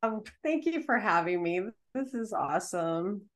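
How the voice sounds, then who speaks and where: A woman in her forties from the Dominican Republic, a guest telling her story on a video call from her living room, animated and reflective. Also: mid-range voice, measured pace. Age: 40s. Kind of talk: conversational storytelling.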